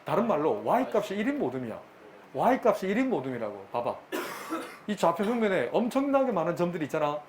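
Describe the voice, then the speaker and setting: A middle-aged man lecturing a math class, brisk and bantering, often repeating his questions to the students. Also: high-pitched, sing-song, background noise. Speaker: math teacher.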